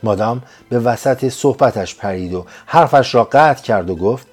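A man narrating a serialized story as a scripted audiobook, reading in a slow, measured way. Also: mid-range voice, expressive, slightly rough. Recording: faint music behind.

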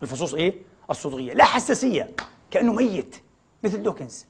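A middle-aged male preacher delivers a sermon in a mosque, his voice pitched high and slightly husky. He talks at a rapid clip, tossing rhetorical questions to the congregation and calling them brothers. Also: big pitch swings. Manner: fills pauses with rhetorical "what?" questions to the congregation; often addresses the audience as brothers. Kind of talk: Friday sermon lecture. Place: mosque prayer hall.

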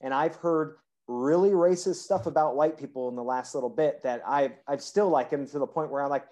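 A man's voice: a little high, a little fast. Rambling chatty man, loose casual talk. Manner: rambling, animated, frequent "like" fillers. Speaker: podcast host. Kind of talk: casual political chat.

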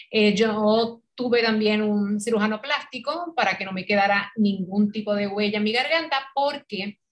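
In a relaxed podcast interview, a middle-aged woman with a Puerto Rican Spanish accent shares her story with the host. Her voice is a little high, and she's animated, laughing easily and acting out the dialogue she quotes.

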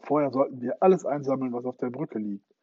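A man doing a plucky boy shouting orders. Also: mid-range voice, a little fast, slightly rough, no room sound, lightly acted. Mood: commanding. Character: plucky boy leading the fight. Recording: dull lo-fi recording.

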